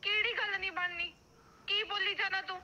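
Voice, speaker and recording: A woman's voice: very high-pitched, fairly even intonation, moderate pace, pushed and bright, muffled recording, a little hiss or hum, exaggerated voice. A young woman acting a fed-up ex-friend who answers in a defiant, dismissive way. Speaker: student.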